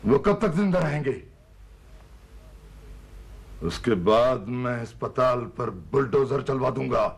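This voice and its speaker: Brief: a harsh feudal patriarch, gravelly and husky, Pakistani Urdu accent. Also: male voice, medium pitch, animated, takes it slowly, exaggerated voice. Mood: bitter. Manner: stern, commanding. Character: domineering rural male landlord, harsh patriarch.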